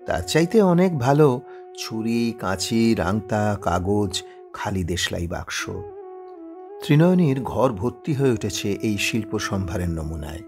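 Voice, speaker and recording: A man narrating a story in a slow, expressive storytelling manner. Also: on the low side.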